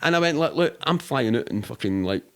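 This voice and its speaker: In a mid-range, expressive, brisk voice, a middle-aged man with a Scottish accent from the Glasgow area tells stories as a podcast guest. The anecdotes are casual and animated, and he's sweary and colloquial, playing out the quoted speech.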